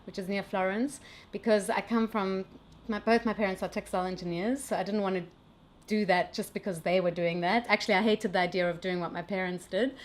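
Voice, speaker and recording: A middle-aged South African woman who founded a brand talks about her technical background in a casual interview, often restarting her sentences. Her mid-range voice is steady and brisk.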